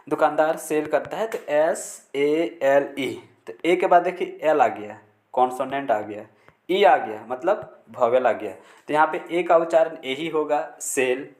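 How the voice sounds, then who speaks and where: A man's voice: on the high side, darkish tone. A man teaching English pronunciation in Hindi, spelling words out letter by letter and often repeating the rule. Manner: frequent checking fillers. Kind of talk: Hindi-language pronunciation lesson. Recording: echoey room.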